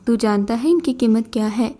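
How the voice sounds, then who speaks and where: A scornful old jinn in a beggar's guise, mocking and bossy, as a woman storyteller reads him. The voice sits fairly high and mellow. It sounds like a storybook being read aloud. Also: close to an everyday voice. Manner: scornful, commanding.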